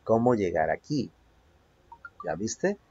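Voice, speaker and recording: Slow gravelly-voiced male teacher. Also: fairly low pitch, very animated, warm tone, dull audio, a little hiss or hum. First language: Spanish. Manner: slow, patient, repeats each phrase in English and Spanish, asks "¿ok?" often. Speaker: English teacher. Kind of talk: home-learning video lesson. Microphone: phone.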